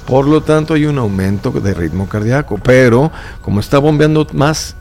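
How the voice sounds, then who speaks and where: A man's voice: medium pitch, expressive, normal speed, a little mellow, faint music behind. A man in his fifties, raised in Mexico, talking emphatically and lecturing as a guest in a radio studio. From Chile, raised in Mexico. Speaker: stage hypnotist guest. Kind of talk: radio interview chat.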